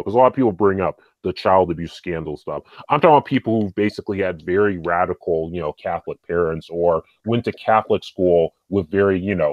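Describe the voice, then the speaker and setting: A man's voice: deep voice, darkish tone, no echo, dull audio. A man speaking as a podcast guest, rambling casually with lots of fillers like "and stuff.".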